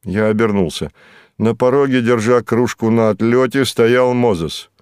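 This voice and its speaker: A man narrating a novel in the first person, in a measured storytelling manner. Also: medium pitch, a little mellow, clean tone, no echo, studio quality. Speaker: audiobook narrator.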